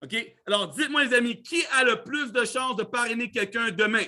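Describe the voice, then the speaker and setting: A man's voice: extremely high pitch, a little fast, pushed and bright. A man tinged gives a casual motivational talk to a live chat, animatedly repeating himself and dropping in words. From Canada. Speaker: host of a live online business training.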